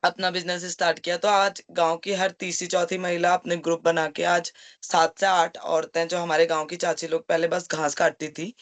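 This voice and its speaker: Earnest village businesswoman telling her story. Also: on the low side. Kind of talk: personal storytelling.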